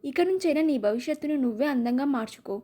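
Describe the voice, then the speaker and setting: An affectionate young friend in an audio storybook, cheering her friend on in a kind way. A woman reads her with a high, bright voice. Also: lively intonation, quick pace. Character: young adult woman, warm encouraging friend.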